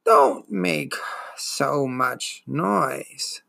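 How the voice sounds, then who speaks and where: A man voicing an ancient, weary female giant turtle who speaks in a slow, gloomy, wheezing drawl. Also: on the high side, big pitch swings, creaky, bright, forceful tone, exaggerated voice.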